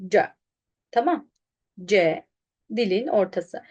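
A woman teaching pronunciation online, sounding out syllables slowly and contrasting wrong and right versions. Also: mid-range voice, expressive, a little mellow, muffled recording. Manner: directly addresses students, quotes them animatedly. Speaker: Quran recitation teacher.

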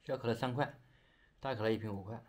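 This young adult man from China has a lowish, darkish voice and talks fast as he chats over a meal for his vlog. Filmed in a small indoor bedroom, he speaks with his mouth full, chewing between phrases.

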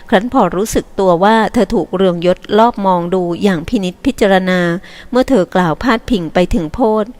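Lady reading an old novel out loud, calm and even, audiobook narration. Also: medium pitch, fairly quick, few pauses.

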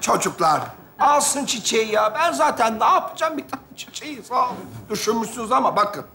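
A melodramatic bedridden teacher. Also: male voice, very high-pitched, lively intonation, brisk, bright, forceful tone, a little hiss or hum, exaggerated voice. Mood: sentimental. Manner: melodramatic, preachy. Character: sentimental bedridden teacher, preaching friendship. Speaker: hospital patient. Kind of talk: studio sketch comedy.

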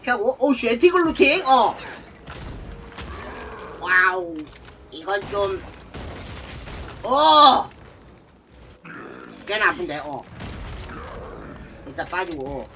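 A man streaming a game live, talking himself through each move and yelling at enemies, with many filler sounds. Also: sits high, very animated, drawn-out words, pauses often, slight background noise. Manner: talks to himself while playing, shouts at enemies; frequent filler sounds between actions. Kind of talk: live gameplay commentary.

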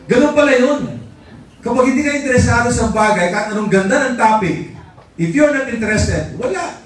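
A middle-aged motivational speaker gives a live seminar talk in a large hall before an audience, telling his story with animation, mixing in English phrases, acting out quoted voices, and raising his voice for effect. His voice is high and far from the mic. The hall is echoey, with faint audience and room noise.

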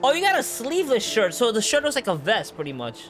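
With a very high-pitched voice that swoops wildly and a quick pace, this Brooklyn-accented man keeps up casual, joking commentary as he plays a game on a live stream. Game music runs behind him, and his manner is chatty and playful.

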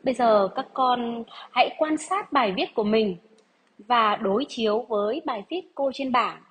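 A woman primary school teacher giving a dictation lesson to young pupils, deliberate and measured, repeating phrases. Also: on the high side, husky, low-quality recording.

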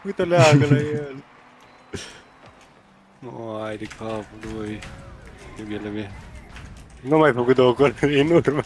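A man's voice: mid-range voice, long pauses, a little mellow, a little hiss or hum. A man chatting casually while playing a tournament match, cheering and groaning at the plays. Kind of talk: casual gaming banter.

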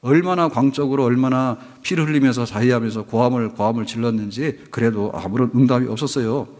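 A man's voice: mid-range voice, fast, darkish tone, long reverb tail. A male pastor preaching a sermon in a conversational way, asking the congregation questions as he goes. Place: church sanctuary.

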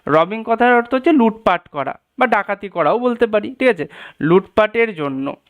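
A male teacher gives a live online English lesson in a high voice. He is crisp and clear, working through spelling and meanings patiently and checking in with viewers at every step. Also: lively intonation, normal speed, phone-quality sound.

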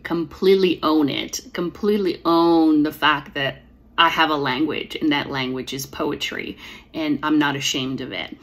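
Speaking at a normal speed in a low, steady voice, this woman in her forties tells a personal story to camera from a small room in her home. She's a poet and author with a slight lisp, and her manner is reflective and earnest, full of fillers and restarts, recorded by a device camera framed close.

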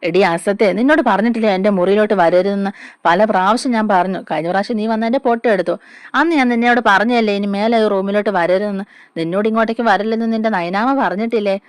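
A woman's voice: mid-range voice, fast talker, smooth, no echo, clean studio sound, close to an everyday voice. A woman voicing a hot-tempered young woman who harshly scolds a child, in a storybook retelling. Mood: angry scolding.

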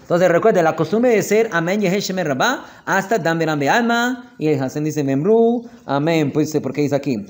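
A man's voice: fairly high pitch, expressive. Man teaching prayer customs, checking in. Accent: Colombian Spanish. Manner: explanatory, checks in often with "¿ok?" and "¿listo?"; slows down to spell out prayer words. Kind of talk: classroom lesson on prayer.

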